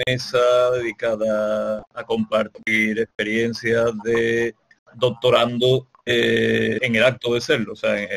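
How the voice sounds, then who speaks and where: Man, flat monotone voice, halting with restarts, organizer opening a video call. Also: mid-range voice, gravelly. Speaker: event organizer.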